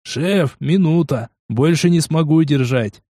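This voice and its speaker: Brief: worn-out surgeon, hoarse and strained, a touch higher and softer, played by a male narrator. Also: unhurried, no echo, clean studio sound. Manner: strained, wheezing, weary. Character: exhausted sweating male field surgeon. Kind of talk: audiobook character voice.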